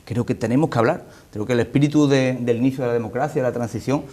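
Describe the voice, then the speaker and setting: A man's voice: mid-range voice, fast, dark tone. A man with an Andalusian Spanish accent, a politician giving answers in a political interview. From Andalusia, Spain. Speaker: politician, former or current mayor being interviewed.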